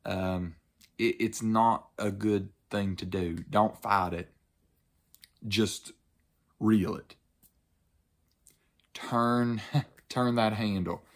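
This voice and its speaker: Laid-back young man explaining fishing. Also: fairly low pitch. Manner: relaxed, conversational, frequent ums and you-knows. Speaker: fishing channel host. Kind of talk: casual to-camera explanation. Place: living room with couch, indoors.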